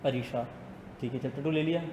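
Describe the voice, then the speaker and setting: A man teaching a business law class in a classroom. He talks fast, teases students and mixes English into his speech. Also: mid-range voice, steady tone. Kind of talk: classroom lecture. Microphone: not using the class mic. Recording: echoey classroom with long reverb and faint noise.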